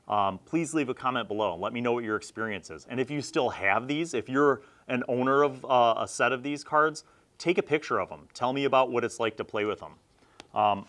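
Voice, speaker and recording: A middle-aged man hosts a video series reviewing old roleplaying magazines. He talks casually and conversationally, rambling a little as he comments. His voice is mid-range and a bit bright.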